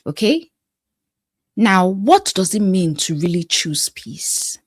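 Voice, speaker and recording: A woman's voice: medium pitch, sing-song, slightly rough, dry recording. Emphatic woman life coach, dry sound. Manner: emphatic, repetitive, preacher-like cadence with pauses. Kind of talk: motivational talk to camera.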